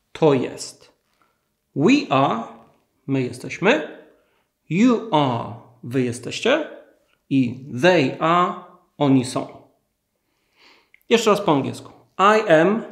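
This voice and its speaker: A man teaches a language lesson at an unhurried pace, speaking each example slowly and clearly. His voice is gravelly and lively in pitch. The sound carries a noticeable echo of the room. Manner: slow, drawn-out model phrases with questions to the viewers. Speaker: English teacher.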